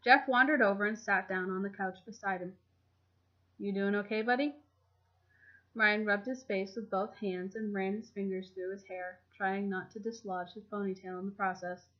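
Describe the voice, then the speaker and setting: A woman reading a fan fiction chapter aloud in a steady, even storytelling manner. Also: mid-range voice, normal speed, few pauses. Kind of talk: audiobook narration. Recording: dull lo-fi home recording.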